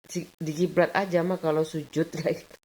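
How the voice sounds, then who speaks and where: A middle-aged woman talks to her phone at home in a loose, rambling way. She laughs a lot through her stories. When she quotes someone, her voice jumps up in pitch. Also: little pitch movement, moderate pace, darkish tone. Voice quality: rambling, chatty, laughs often. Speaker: vlogger. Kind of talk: casual home vlog chat.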